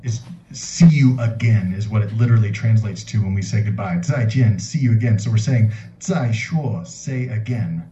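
Man, mellow, steady explainer, roomy dull recording from off mic. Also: fairly low pitch, recorded from a distance, slight background noise. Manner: explains steadily, slows down to teach phrases. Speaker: podcast co-host. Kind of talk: casual podcast chat.

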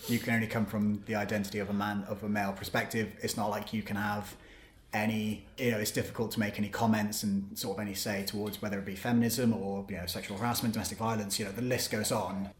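A man co-hosting a casual podcast discussion, haltingly rephrasing as he thinks aloud. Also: fairly low pitch, flat delivery, slight background noise. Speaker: podcast co-host. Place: studio. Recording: roomy, echoing studio sound.

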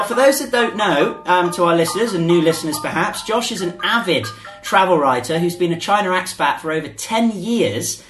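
A man hosting a podcast with upbeat, casual banter. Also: high voice. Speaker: podcast host. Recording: roomy echo, faint music behind.

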